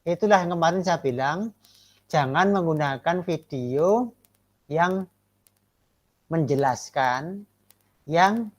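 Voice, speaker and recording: A man gives a classroom lecture and feedback to trainee teachers. He keeps checking for agreement with short rhetorical questions. He slows down to stress the words that matter. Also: on the high side.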